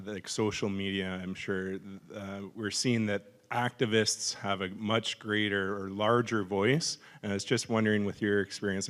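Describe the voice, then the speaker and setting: Hesitant low-voiced man asking. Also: a bit bright. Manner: hesitant, many fillers. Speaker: audience member asking a question.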